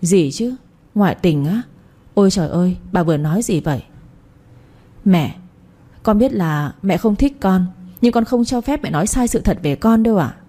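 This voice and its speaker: A woman's voice: mid-range voice, animated, moderate pace, warm tone, close to an everyday voice. A woman voicing a young wife who defends herself earnestly and politely. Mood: indignant.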